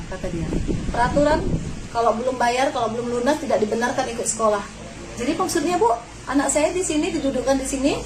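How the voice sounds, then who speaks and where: A woman, a pupil's mother, telling an interviewer what happened at her child's school, indignant and acting out what each person said. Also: sits high. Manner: indignant, quotes others in dialogue. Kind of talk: emotional interview account. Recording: noisy background ambience.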